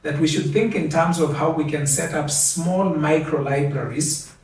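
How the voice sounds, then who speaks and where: An older man from Kenya giving a measured, earnest acceptance speech, repeating key phrases for emphasis. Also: on the high side, fairly even intonation, a little mellow. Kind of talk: formal speech. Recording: very echoey, from a distance.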